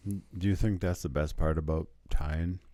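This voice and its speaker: A man's voice: deep voice, fairly even intonation, a little slow, dry recording. A man hosting a fly tying show, bantering playfully and casually while eating. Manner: playful, banters, loud when plugging events.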